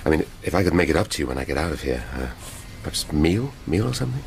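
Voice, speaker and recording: An actor playing a middle-aged English police inspector in a radio drama, wry, pedantic and a little hesitant. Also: male voice, rumbling low, big pitch swings, quick pace, gravelly, exaggerated voice. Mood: dry, brusque. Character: male police inspector in hospital, wry, pedantic, distracted, flirtatious.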